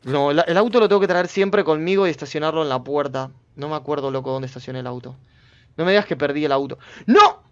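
A man giving casual gameplay commentary, chatting to himself and his viewers with sudden loud outbursts. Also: fairly high pitch, fast, smooth, muffled recording. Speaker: gameplay streamer.

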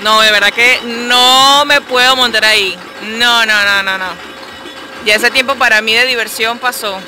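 Young woman vlogger, high voice, talks slow and gushy, loud background noise. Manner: excitable, exclaiming and cooing. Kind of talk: casual vlog narration. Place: outdoor amusement park, then at home. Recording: noisy outdoor phone recording.

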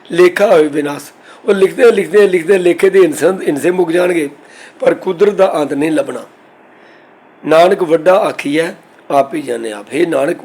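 A man giving a verse-by-verse scripture lesson, reciting lines slowly and then explaining them in an earnest, instructive way. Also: on the high side, darkish tone, poor audio. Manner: earnest, instructive, corrects pronunciation. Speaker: scripture teacher.

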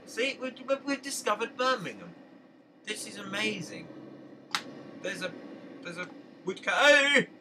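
A man's voice: high voice, lively intonation, a little slow, long pauses, far from the mic, background noise. A young man chatting playfully to himself while playing a driving game. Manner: chatty, playful, talks to himself and other drivers. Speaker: gaming channel host. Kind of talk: casual let's play commentary.

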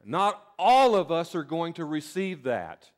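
A man's voice: on the high side, sing-song, measured pace. An older man with a Southern US accent preaching a sermon from a pulpit in a church sanctuary, folksy and earnest, often restarting his words. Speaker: pastor. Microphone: pulpit mic.

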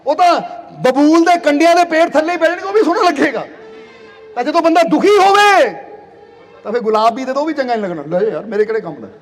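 A man delivers a devotional sermon in a strikingly high voice. He is earnest and drives his points home by repeating them. His voice carries a long reverb from the hall. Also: animated, fast, soft background music. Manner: earnest, repeats phrases for emphasis, sings short devotional verses. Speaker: spiritual preacher. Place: satsang hall.

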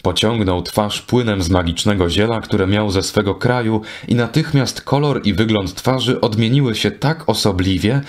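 A male audiobook narrator telling an old legend. He reads in a steady storytelling manner, and his voice sits somewhat low. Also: moderate pace, hardly any pauses. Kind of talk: scripted narration.

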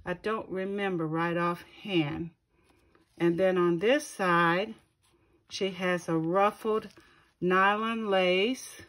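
A woman hosting a craft channel, slowly gushing over gifted trims and pausing to find words, with an occasional throat-clearing. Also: on the low side. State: keeps clearing her throat. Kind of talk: casual show-and-tell unboxing.

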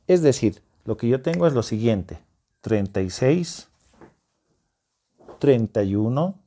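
A male math teacher with a mellow, warm tone walks secondary students through a lesson at the board. He is patient and encouraging, breaking each step down and keeping the class with him through frequent check-in questions. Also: medium pitch, animated, takes it slowly. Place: classroom whiteboard.

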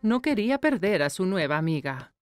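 A woman's voice: mid-range voice, sing-song, brisk. A woman narrating a scripted children's cartoon story. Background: music.

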